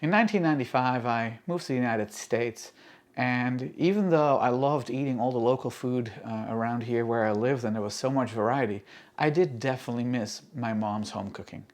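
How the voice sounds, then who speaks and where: A middle-aged man from the Netherlands, hosting his home cooking channel and explaining to camera in a friendly, steady way with small fillers. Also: medium pitch, moderate pace. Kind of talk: casual cooking video to camera.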